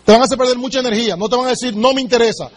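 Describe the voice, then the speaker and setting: Talking very fast in a very high-pitched voice, a man at a business seminar coaches on sales with a motivational, emphatic style. He speaks straight to the listener and role-plays sales conversations.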